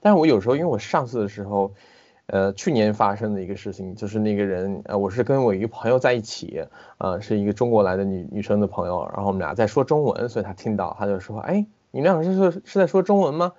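Low-voiced man on a lo-fi internet call. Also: fast talker. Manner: animated, with frequent restarts and hesitations. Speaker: guest film director. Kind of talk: casual conversation over a video call. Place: at home in the city.

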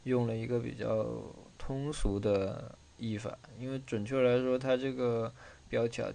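Man, reading class host, casual lecture, gravelly fry in the voice, sore throat, middle pitch. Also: a little mellow. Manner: loose, conversational explaining.

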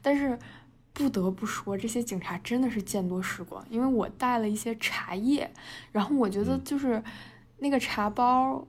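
A woman's voice: a little high, normal speed. A Chinese woman, chatting as a podcast co-host, laughing often, padding her talk with fillers and mixing in English words. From China. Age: 20s. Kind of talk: casual storytelling chat.

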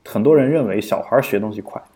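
A man's voice: lowish voice, fast talker, mellow. A man co-hosting a podcast in casual explanatory chat, thinking aloud with frequent fillers and restarts. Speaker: podcast co-host.

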